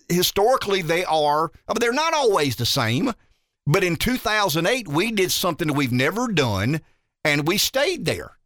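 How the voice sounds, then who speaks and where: Studio-quality and echo-free, the clip features a high-pitched man in his 50s hosting talk radio. He thinks out loud in an animated, rambling style, asking rhetorical questions.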